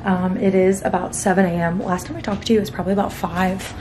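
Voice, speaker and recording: A woman's voice: medium pitch, little pitch movement, fast, noisy background. A young adult woman vlogging from home in a rambling casual chat, often saying "like". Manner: chatty and rambling, fond of saying "like".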